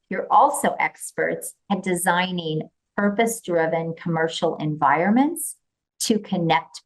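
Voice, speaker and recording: Lady host, lowish voice, super excited, lots of wow and mm-hmm. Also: poor audio. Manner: enthusiastic, warm affirmations. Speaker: podcast host. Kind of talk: casual interview.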